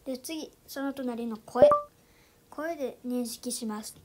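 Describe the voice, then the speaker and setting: Speaking at a slow pace, this YouTube host guides viewers through a phone app casually. Her voice is high and light, she chats along with small fillers, and she frequently lowers it to near-whispered asides.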